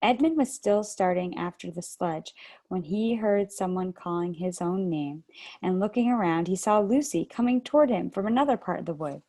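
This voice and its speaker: Over a video call, a woman hosts a children's read-aloud, narrating a book in a steady, gentle storytelling style. Her voice sits on the low side and she reads at a normal speed.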